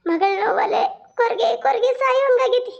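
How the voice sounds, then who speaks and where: A woman's voice: very high voice, fairly quick, gravelly, lo-fi sound. Tearful grieving cartoon mother. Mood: sorrowful. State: crying. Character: grieving middle-aged mother, tearful and worried.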